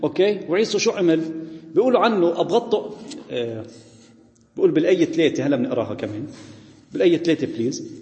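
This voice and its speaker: A man with a Lebanese Arabic accent preaching a Bible study sermon, animated and firing rhetorical questions at his listeners. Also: fairly high pitch, very fast, long pauses, muffled recording. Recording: long hall reverb.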